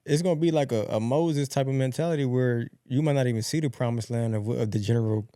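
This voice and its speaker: A man's voice: medium pitch, fast talker, no room sound, studio quality. A man, telling a story about his kids on a casual podcast in a reflective way. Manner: warm reflective storytelling, acts out dialogue. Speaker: podcast co-host.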